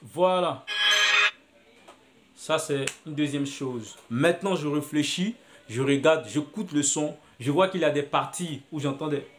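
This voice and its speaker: Over music, a man with a voice on the high side speaks a little slowly in a screen-recorded tutorial on editing video with a phone app. He goes step by step, thinking aloud and repeating his actions as he does them.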